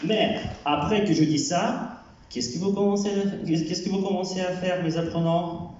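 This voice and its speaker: A man doing a stand-up set as a French teacher, talking haltingly with many fillers and repeated words. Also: high-pitched, fairly even intonation, darkish tone. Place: comedy club stage. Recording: echoey hall from far off, dull sound.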